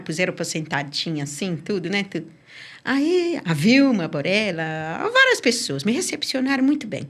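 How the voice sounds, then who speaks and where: A woman guest on a church podcast giving her personal religious testimony, telling her story with lively acted-out dialogue. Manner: sweeping, swinging pitch as she tells her story.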